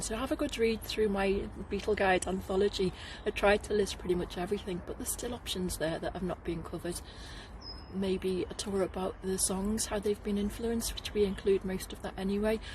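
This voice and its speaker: Speaking in a medium-pitched voice over a noisy background, a middle-aged Liverpool-accented woman from Liverpool, England, works as a tour guide. She chats casually to the camera outside at a garden site and laughs a lot.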